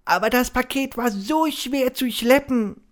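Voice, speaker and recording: A storyteller voicing a tiny, shy female mouse who squeaks and stammers, in a children's storybook reading. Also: measured pace. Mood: timid.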